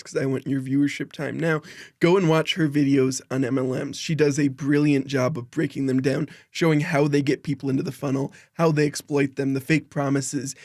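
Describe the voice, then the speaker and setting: A man's voice: medium pitch, darkish tone, no echo, studio quality. A man giving casual, earnest commentary while reacting to a video. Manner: earnest, explanatory. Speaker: reaction streamer.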